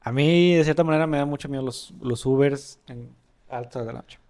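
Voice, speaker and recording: A man's voice: mid-range voice, brisk, a little mellow. A young man with a Mexican accent, hosting a casual podcast, loose and joking, often laughing. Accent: Mexican Spanish. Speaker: podcast host. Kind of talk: casual chat, reading a story aloud.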